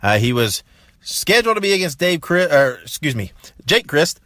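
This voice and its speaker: A man hosts a podcast in a loose, rambling way, restarting his sentences. His voice sits a little high and sounds dry and close. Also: sing-song, normal speed, a bit bright, no echo. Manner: rambling with many fillers and restarts. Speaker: podcast host. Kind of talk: casual podcast monologue.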